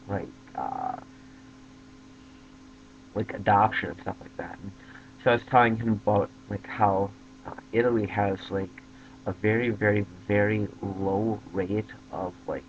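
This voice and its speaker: A young man chats to his camera, telling a funny story with animated, excited spikes in his voice. His voice sits a little low. The dull lo-fi recording carries a faint hiss behind him. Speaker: vlogger. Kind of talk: casual storytelling vlog. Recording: dull lo-fi webcam audio.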